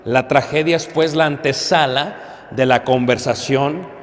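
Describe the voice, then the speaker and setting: A man preaching a sermon to a congregation, with dramatic pauses, loud emphasis and questions to the listeners. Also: mid-range voice. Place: church hall. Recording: long hall reverb.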